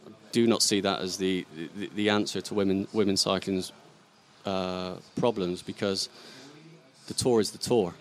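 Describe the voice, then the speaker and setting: A man guest on a cycling podcast, talking through his views with halting restarts. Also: sits low, fairly even intonation. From Britain. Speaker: sports agency guest. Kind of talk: casual podcast discussion.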